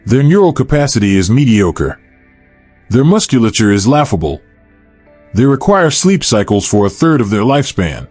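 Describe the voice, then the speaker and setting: A man's voice: mid-range voice, very animated, moderate pace, a little mellow, no room sound, faint music behind. A man voicing a nervous young male alien cadet who speaks hesitantly and carefully.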